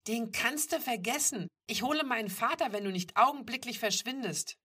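A woman puts on a flustered teenage girl from a wealthy home. The voice sits high and loud, pleading and indignant. The tone is bright and husky. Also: measured pace. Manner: pleading, indignant, higher and louder than narration.

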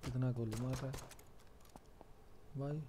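A man's voice: medium pitch, steady tone, slow, background noise. A young man giving casual, chatty commentary on his own gameplay and joking about himself. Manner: chatty, self-mocking, calls out to teammates. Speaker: gamer commentating his play.

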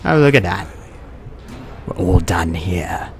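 Against video game sounds, a gaming video creator with a low voice delivers casual, improvised gameplay commentary at a slow pace with lively intonation. He rambles, pokes fun at himself, and often repeats himself.

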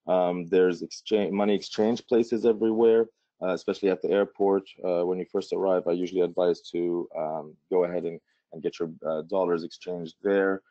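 A man's voice: deep voice, level tone, normal speed, mellow, dry recording. A man from Jordan presenting travel tips in a casual webinar, with many fillers and restarts. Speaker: tourism board presenter. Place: Washington D.C. remote setup. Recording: dull lo-fi audio.

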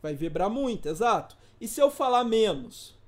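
Casual, chatty instructor, mid-pitched voice. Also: sing-song, normal speed. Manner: informal, asks the audience rhetorical questions; slangy, playful teaching asides. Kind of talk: casual live class explanation.

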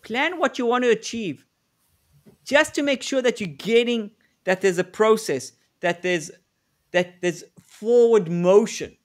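Guy with a pretty high voice coaching people on a webinar call, lots of ums and restarts, very direct tips. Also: unhurried. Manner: coaching, direct advice with frequent fillers and restarts. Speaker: negotiation expert presenting a webinar. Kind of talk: live webinar presentation. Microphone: video call.

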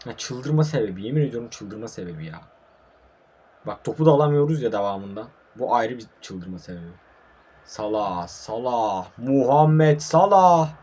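Playing an online football match, a young man narrates it live, cursing in frustration and addressing both himself and his audience. His voice is medium-pitched, darkish and husky.

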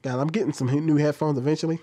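A man's voice: fairly high pitch, steady tone, rapid-fire, dark tone, no room sound. Thirties man, blunt home-vlog reaction commentator, filler-heavy talk, dry close-mic sound. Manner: blunt, conversational, many fillers. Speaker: commentary vlogger. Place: home room with shelves. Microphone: studio XLR mic on boom, close.

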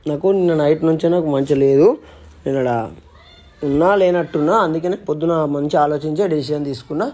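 A man's voice: fairly high pitch, fairly even intonation, fast talker, dark tone. A young man with a Telangana Telugu accent, bluntly ending a relationship on camera and repeatedly demanding clarity. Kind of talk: heated couple argument on camera.

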